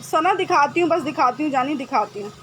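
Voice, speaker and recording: Brisk high-voiced woman running a live sale. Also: lively intonation, background noise. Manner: brisk, repetitive, checks with "okay?" often. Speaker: online seller hosting a live sale. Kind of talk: live-stream sales chat. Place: home room with generator noise.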